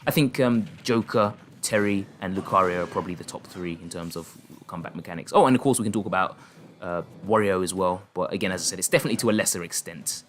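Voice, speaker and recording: A man's voice: fast, a little hiss or hum. A man streaming online fighting matches, calling the plays and chatting with viewers, his voice jumping up when a big moment lands. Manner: excitable play-by-play, pitch jumping up on big moments, laughing often. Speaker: streamer and commentator. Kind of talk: live-stream game commentary and chat.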